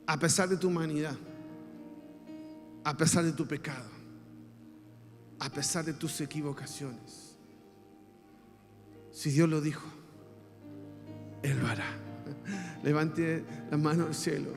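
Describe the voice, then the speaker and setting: A pastor delivers a sermon slowly, pausing often, in a fairly high, steady voice with a Chilean Spanish accent. He moves from soft words to shouts while leading call-and-response, and a long reverb tail and faint background music fill the space.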